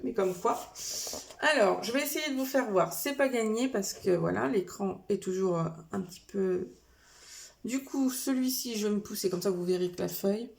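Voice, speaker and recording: Chatty and unhurried, a woman talks to her viewers about her purchases at a middle pitch. She pauses often, fills gaps and corrects herself as she goes, in relaxed casual speech. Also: creaky. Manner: chatty, hesitant, many fillers and self-corrections. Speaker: vlogger showing a shopping haul. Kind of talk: casual chat to camera.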